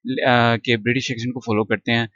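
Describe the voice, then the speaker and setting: A man teaching an English lesson, explaining words and repeating them slowly for pronunciation. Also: mid-range voice, flat delivery, fairly bright tone, no echo, muffled recording. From Pakistan. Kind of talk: recorded classroom lesson.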